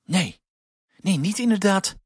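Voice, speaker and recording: A man voicing an eager, fussy young male household helper who talks high and flustered in a storybook. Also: expressive, slow, husky, no room sound, clean studio sound, full character voice.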